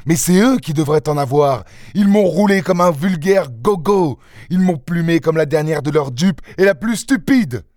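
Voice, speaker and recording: A man voicing a proud, quick-tempered young gentleman burglar in an audiobook, speaking in a scornful, theatrical way. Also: medium pitch, lively intonation, dry recording, studio quality, natural voice. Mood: furious. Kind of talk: audiobook character reading.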